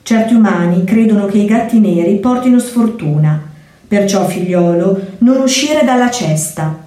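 A caring mother cat speaks seriously and steadily to her kitten, as a woman reads her in a storybook. Her voice is dark and mellow, and the recording sounds roomy and distant. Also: medium pitch, normal speed, lightly acted. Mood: earnest. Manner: earnest, warning, motherly. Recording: echoey room, far from mic.

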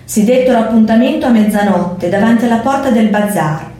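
A woman preschool teacher reading a children's book aloud in a gentle, measured way. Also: a little high. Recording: very echoey room.

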